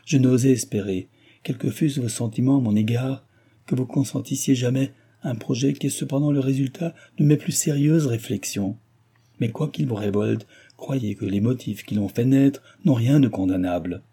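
Ardent pleading young gentleman, as a reader voices him. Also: medium pitch, moderate pace, husky.

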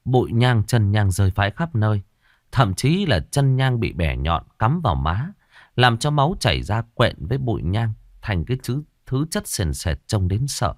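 Lively male ghost-story narrator. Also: on the low side, moderate pace, dry recording, clean studio sound.

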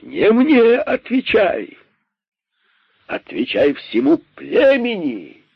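A man's voice: sits high, huge pitch swings, extremely slow, vocal fry, breathy edge, no echo, voice pushed up, heavily acted. A man voicing a stern, accusing male rabbit king in a radio story reading. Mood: angry. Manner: angry, sarcastic, commanding. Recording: dull, dry radio recording.

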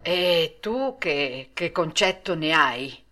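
A woman voicing a calm, plain-spoken old man in a storybook reading. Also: low-pitched, slow pace, exaggerated voice. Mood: matter-of-fact.

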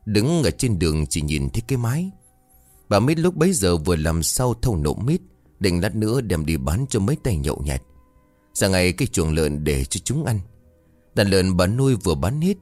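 A man narrating a comic village story in a lively, playful way. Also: low-pitched, moderate pace, no echo. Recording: dry voice with faint music bed.

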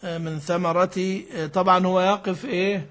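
High-voiced man explaining recitation rules. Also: steady tone, fairly quick, fairly bright tone. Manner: explains patiently, repeats key words, asks and answers himself. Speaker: sheikh teaching Quran recitation. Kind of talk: classical Arabic lesson commentary.

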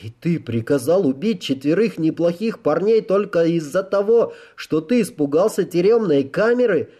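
A man playing a gruff convoy officer in an audiobook, weary and grumbling. He pitches the voice well above his plain narration and pushes it out louder. The timbre stays dark and mellow underneath. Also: expressive, moderate pace. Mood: exasperated.

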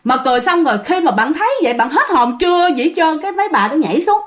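A woman narrates ghost stories in a casual, animated style, talking directly to her listeners. Her voice sits high and swings widely in pitch as she builds suspense. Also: fast talker. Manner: animated, addresses listeners as "các bạn". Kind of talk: casual spoken storytelling.

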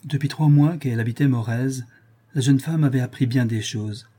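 A man narrating a classic novel as an audiobook, in a measured reading style. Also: medium pitch, dark tone, slightly rough.

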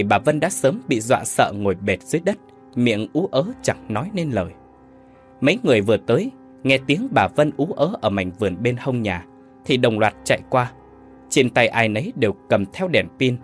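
A man narrating a scripted horror story in a dramatic, suspenseful way. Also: medium pitch.

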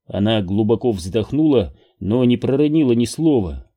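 A man reading an audiobook aloud in a slow, measured, even manner. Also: mid-range voice, phone-quality sound. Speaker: audiobook narrator. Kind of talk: scripted narration.

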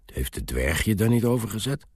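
A man voicing a gruff, lonely old male soldier who guards a city gate. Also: very animated, a little fast, darkish tone, no room sound, clean studio sound, full character voice. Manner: gruff, booming.

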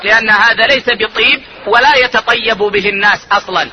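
A man who is an Islamic scholar, giving a religious lesson on jurisprudence in a measured, deliberate way and slowing down to stress key points. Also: sits high, bright, forceful tone, a little hiss or hum, rough recording.

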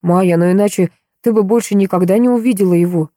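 A woman's voice: medium pitch, quick pace, dark tone, no echo, clean studio sound, close to an everyday voice. A woman reading an audiobook, voicing a fervent, unstable young man who talks with feverish insistence.

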